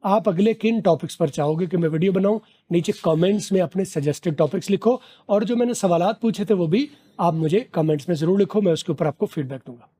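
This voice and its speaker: A man teaching spoken English in a vlog, slowly drilling each phrase and repeating words, with long chatty explanations in between. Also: high-pitched, dark tone, slightly rough. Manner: explains at length, chatty asides.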